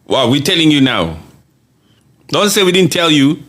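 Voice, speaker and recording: Animated male podcast host, lively pitch. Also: normal speed. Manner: animated and emphatic, laughs often, repeats phrases for effect. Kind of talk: casual podcast chat, reading viewer comments.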